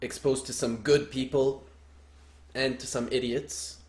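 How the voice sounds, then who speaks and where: A young man from Lebanon co-hosting a soccer coaching podcast, relaxed and dry-humored. His voice sits at a middle pitch, and he is recorded in a roomy, echoey space. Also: unhurried. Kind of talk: casual podcast chat.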